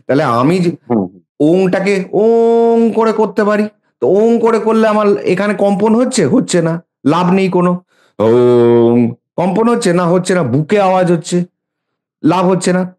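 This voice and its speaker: A man's voice: high voice, a little mellow. A middle-aged man explaining mantras in a casual, emphatic way, sometimes chanting lines as examples.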